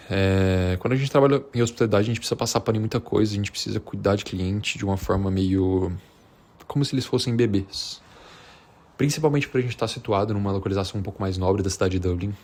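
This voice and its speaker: Speaking fairly quickly in a lowish, slightly mellow voice, a vlogger from Minas Gerais rambles to camera in unscripted, casual chat. He has a Brazilian accent and sounds slangy and hesitant.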